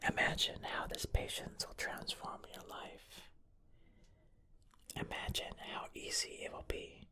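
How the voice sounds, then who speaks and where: Whispering encouragement with a wink, the ASMR host runs through a breathy, playful pep talk of affirmations. Her delivery is unhurried and sharp in tone.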